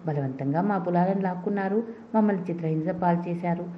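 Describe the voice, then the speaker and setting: A woman's voice: lowish voice, quick pace, slight background noise, close to an everyday voice. A woman voicing a bitter, ruined adult male beggar in a storybook reading, mournful in tone. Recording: dull lo-fi recording.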